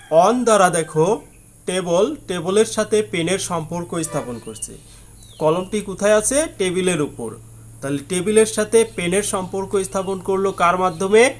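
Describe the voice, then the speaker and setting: A man with a Bangladeshi accent teaches a grammar lesson in a fairly high voice. He talks slowly and deliberately, drawing out example sentences one word at a time. He asks his own questions and answers them, and he clears his throat often. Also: expressive. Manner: frequent throat clearing and "ah" fillers. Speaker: English teacher. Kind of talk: explaining grammar lesson to students.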